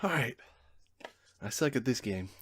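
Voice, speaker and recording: A man's voice: mid-range voice, animated, unhurried, a bit bright, breathy edge, dry recording, clean studio sound. A man co-hosting a podcast, telling dad jokes in casual chat and laughing at his own punchlines. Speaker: podcast co-host.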